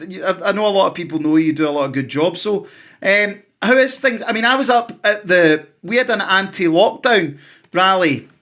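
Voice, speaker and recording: Male internet show host, notably high voice, teasing and repetitive, running a casual live interview. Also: a bit bright. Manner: repeats phrases, teasing, addresses guest as sir. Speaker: online news show host.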